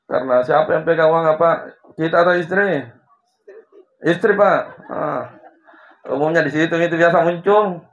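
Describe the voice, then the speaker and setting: A man, preaching a lively sermon to a congregation, telling stories and swinging from hushed to loud. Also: a little high, normal speed, pauses often, highs cut off. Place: mosque gathering with audience.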